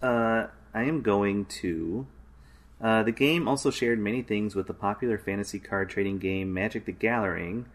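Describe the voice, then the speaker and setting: A man's voice: on the low side, moderate pace. A man co-hosting a podcast, reading trivia aloud in a dry, matter-of-fact way. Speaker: podcast co-host.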